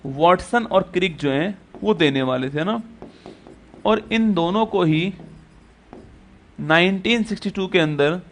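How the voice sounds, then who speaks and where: Male coaching teacher with a high voice, repetitive, quizzing style. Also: slow pace, long pauses, a little hiss or hum. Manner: repetitive, quizzes students with rhetorical questions. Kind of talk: exam-prep classroom lecture.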